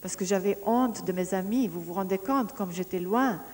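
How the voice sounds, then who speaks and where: A woman giving a personal testimony, telling her story in a lively way and often restarting her sentences as she searches for words. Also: mid-range voice, normal speed. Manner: lively storytelling, acting out the dialogue she recounts.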